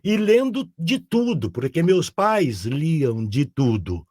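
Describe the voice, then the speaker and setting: A guest in his sixties from Rio Grande do Sul in southern Brazil rambles through a casual interview in the local Portuguese accent, often checking in with the listener by asking "sabe?". His voice is a little high and a little mellow, slow but very animated. The sound is dry and studio quality.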